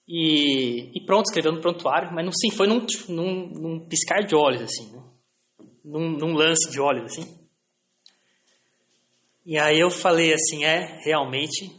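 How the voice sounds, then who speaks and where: High-voiced Brazilian man telling stories. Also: a bit bright, echoey room. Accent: Brazilian Portuguese. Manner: anecdotal, frequent tag questions, self-deprecating. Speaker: lecturer.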